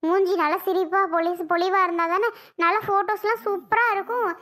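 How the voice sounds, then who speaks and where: A squeaky-high cartoon young woman, blunt and a little bossy. She consoles by scolding, with a bright, edgy tone. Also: brisk. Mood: consoling. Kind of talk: cartoon voice acting.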